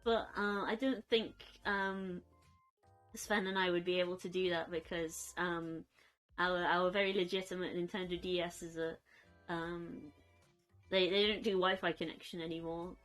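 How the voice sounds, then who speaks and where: Young woman, casual stream chat, soft rambling talk, faint music behind. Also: fairly low pitch, level tone, measured pace. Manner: chatty, soft and rambling, cooing at her pets. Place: bedroom.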